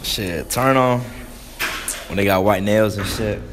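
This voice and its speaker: Low-key teen boy with background noise. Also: a little slow. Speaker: interviewee. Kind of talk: casual chat.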